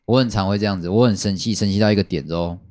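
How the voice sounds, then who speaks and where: A man's voice: on the low side, rapid-fire, darkish tone. A man chatting casually on a podcast, rambling and repeating his phrases with many fillers. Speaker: podcast guest telling a work story.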